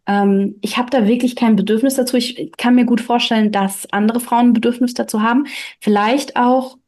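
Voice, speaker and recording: A woman who reads a story aloud and then reflects on it in conversation, thinking aloud with pauses and fillers. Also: a little high, steady tone, darkish tone. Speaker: reader and host.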